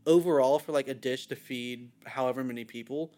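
A man's voice: medium pitch, a little fast, darkish tone. A man co-hosting a podcast, telling anecdotes in an enthusiastic, casual way. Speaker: podcast co-host. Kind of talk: casual chat.

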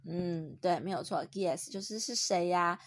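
Speaking on the low side at a moderate pace, a young woman with a Taiwanese Mandarin accent gives her toddler a French lesson at home. As a mother she stays patient, playful and encouraging.

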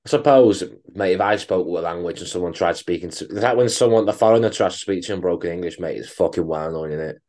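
Fast, sweary man, low voice. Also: darkish tone. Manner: sweary, rambling, banter. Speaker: podcast co-host. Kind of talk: casual podcast chat.

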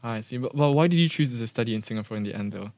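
A young man talks as a co-host in a casual, chatty style. His voice sits at a medium pitch, recorded dry in a studio. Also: racing, a little mellow, dry recording. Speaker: podcast co-host. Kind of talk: casual hosting chat.

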